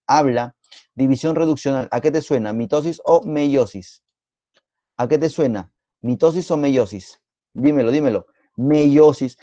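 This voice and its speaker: A man with a Peruvian Spanish accent teaching a live online biology exam-prep class, quizzing students in a playful, teasing way and repeating words rapidly. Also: medium pitch, dark tone, no room sound, muffled recording.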